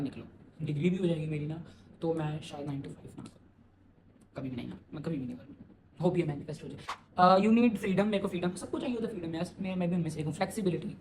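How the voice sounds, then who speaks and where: Fast-talking joking young man vlogger. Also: a little high, background noise. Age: young adult. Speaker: YouTuber. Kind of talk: casual vlog, reacting to a reading.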